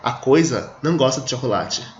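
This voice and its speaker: A man's voice: mid-range voice, expressive, a little fast. A man teaching an English grammar lesson, explaining patiently, stretching his example sentences and checking in with his students. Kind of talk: screen-recorded grammar lesson. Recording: echoey room, dull lo-fi audio.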